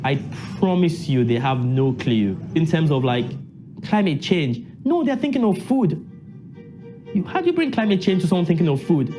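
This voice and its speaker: A man's voice: fairly high pitch, very animated, normal speed, over music. Emphatic man. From Nigeria. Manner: emphatic, repeats phrases, asks himself questions. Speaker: university lecturer and assembly delegate. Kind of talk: casual interview.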